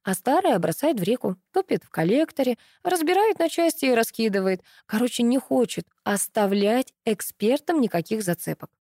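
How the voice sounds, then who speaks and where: A woman reading the lines of an excitable, quick-witted woman amateur sleuth in an audiobook, speaking in a lively, emotional way. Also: on the high side, dry recording, clean studio sound. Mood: animated.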